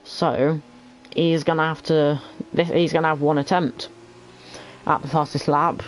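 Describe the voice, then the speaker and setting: A man giving casual lead commentary on an online racing league, sometimes halting as he thinks aloud between calls. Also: a little high, little pitch movement, rough recording. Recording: faint background noise.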